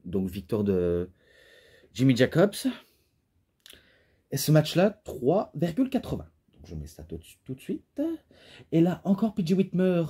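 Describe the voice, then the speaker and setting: A young man talks through a wrestling DVD review in a loose, casual way. He rambles, restarts his sentences and leans on fillers. His voice is mellow and a little husky. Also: a little high, wildly swooping pitch, measured pace, long pauses.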